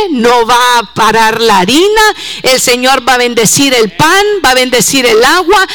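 Female preacher, fervent sermon delivery, rhetorical questions to the flock, somewhat high voice. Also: sharp tone. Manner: speeds up and slows down, repeats words.

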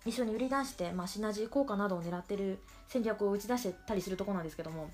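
Speaking rapid-fire at a medium pitch, the woman sounds a little mellow while faint music runs underneath. She hosts a solo podcast in a cute, girlish, anime-style voice, rambling casually and playfully teasing herself.

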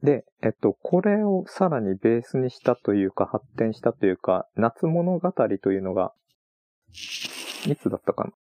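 A man chatting on his own about books he read on a trip, rambling and relaxed with many fillers. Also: mid-range voice, normal speed, no echo, muffled recording. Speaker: podcast host. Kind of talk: casual solo talk about books.

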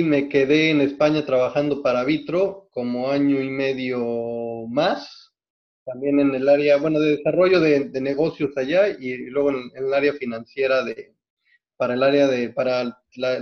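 Mexican man, mid-pitched, steady and methodical, frequent restarts, dull lo-fi sound; podcast guest. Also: moderate pace. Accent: Mexican Spanish. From Mexico City. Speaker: guest, hospital executive. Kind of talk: podcast interview, recounting career.

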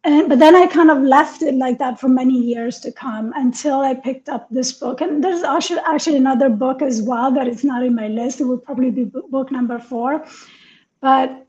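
Her pitch is high and her tone darkish, moving at a moderate pace. She's an Italian-raised life coach co-hosting a laid-back podcast, earnest, reflective, and quick to laugh, captured in dull lo-fi audio.

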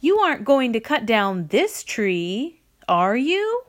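A woman's voice: on the high side, big pitch swings, unhurried, full character voice. A woman voicing an earnest young boy in a read-aloud storybook, calling out in a raised voice. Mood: pleading. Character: young boy, stubborn then worried.

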